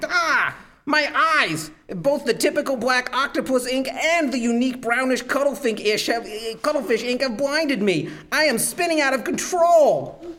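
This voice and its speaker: A woman's voice: high-pitched, animated, moderate pace, fairly bright tone. A woman voicing a dim, loyal, lovesick male whale henchman in a comedic radio play, with a dopey cartoon bellow, gangster slang. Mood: panicked.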